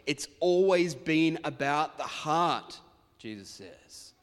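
A male pastor preaching a sermon in a conversational, self-deprecating way, with quick asides to the congregation. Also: on the high side, animated, long reverb tail. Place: church.

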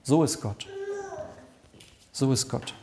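A man's voice: mid-range voice, takes it slowly, noisy background. A pastor preaching a sermon at a church service, earnest and conversational, often repeating his phrases.

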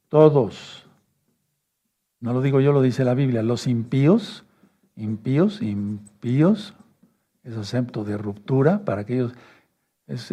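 Man preaching, dark husky voice. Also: mid-range voice. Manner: repeats key phrases, checks in with "¿sí?"; addresses listeners as brothers, tells them to take notes. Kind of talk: sermon teaching at a whiteboard.

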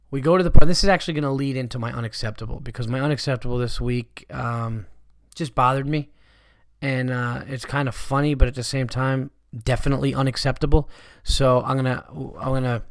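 A man's voice: mid-range voice, no room sound, clean studio sound. A man who sounds stuffy-nosed from allergies, a comedian hosting a podcast with a casual, rambling, conversational monologue and some swearing.

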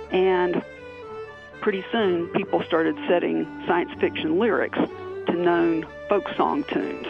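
Male interviewee, highish creaky voice, explanatory, slightly dull recording with faint music. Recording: band-limited radio sound, faint music behind.

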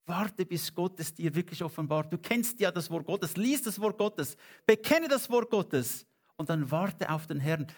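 A man preaching a sermon in German, earnest and pleading, with slow stressed phrases and lifts of emphasis. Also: on the high side. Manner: earnest, rising to emphatic peaks.

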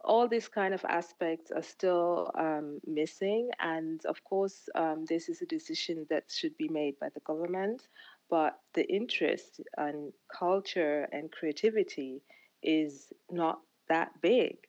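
A woman from Uganda answering interview questions in a casual, thoughtful way, with frequent ums and pauses over a remote call. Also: sits low, darkish tone, no room sound, dull audio. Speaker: podcast guest, fashion platform founder.

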